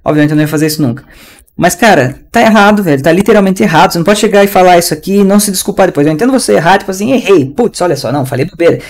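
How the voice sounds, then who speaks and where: A man's voice: high-pitched, racing. Ranting Brazilian man teaching casually. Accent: Brazilian Portuguese. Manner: chatty, ranting, slangy. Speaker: English teacher. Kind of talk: casual online class.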